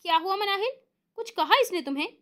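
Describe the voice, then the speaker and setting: An easygoing young man, amused and calm, who soothes his friend. A woman narrator gives him a bright, high voice. His words come out light and relaxed. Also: fast.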